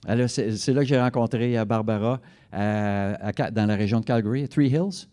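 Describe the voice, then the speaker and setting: Mellow-voiced male church interpreter. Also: on the low side. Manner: brisk, fluent, occasional self-corrections. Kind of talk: live interpretation into French. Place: church service.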